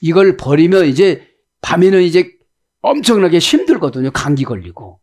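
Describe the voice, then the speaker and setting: A male pastor delivers an expository sermon in a voice pitched a little higher than most men. His intonation leaps around animatedly, and he keeps turning to the congregation with rhetorical questions. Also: sing-song, moderate pace, darkish tone. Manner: constantly asks the listeners rhetorical questions; acts out the biblical quotes with shifts in pitch.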